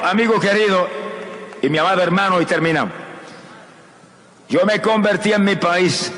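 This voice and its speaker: A man's voice: fairly high pitch, slight background noise. Fervent preacher man in reverberant hall. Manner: fervent, bursts into shouted praise. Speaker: evangelist preacher. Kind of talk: sermon with personal testimony.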